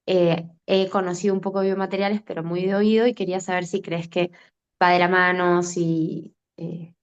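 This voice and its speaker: A woman's voice: on the low side, little pitch movement. A woman asks her question tentatively and pads it with fillers. The video call audio is dull and muffled. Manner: tentative, many filler pauses. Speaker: workshop participant.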